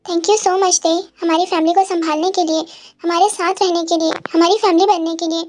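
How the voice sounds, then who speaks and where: A woman's voice: extremely high pitch, fairly even intonation, normal speed, a little mellow. A woman reading a fan audio story aloud, voicing every part with emotion. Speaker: story narrator.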